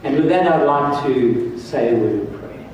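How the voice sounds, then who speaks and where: An older man from South Africa addressing a congress as a church health director, speaking slowly and earnestly. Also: mid-range voice, animated, darkish tone, a little hiss or hum. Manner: slow, earnest, emphatic. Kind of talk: conference address and prayer. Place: large hall, on stage. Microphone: far camera, room mic. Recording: very echoey hall from far off.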